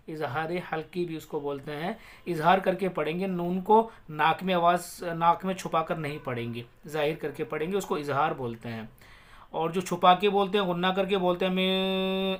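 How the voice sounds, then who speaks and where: A man with a Pakistani Urdu accent teaching a tajweed lesson, patiently explaining rules and repeating words, then reciting them slowly in a drawn-out, melodic way. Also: high-pitched.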